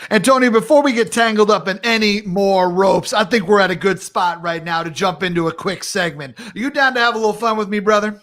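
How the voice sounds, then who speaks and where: Upbeat male live-stream host, high-pitched, playful and quick to laugh. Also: a bit bright. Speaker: talk show host. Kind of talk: casual live-stream chat. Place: home in Minneapolis.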